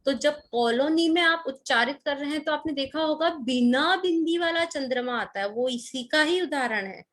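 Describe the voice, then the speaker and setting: A woman with a somewhat high voice teaches a grammar lesson to children. She is patient, repeats key points over and over, and keeps checking with the class through questions. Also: normal speed, a bit bright.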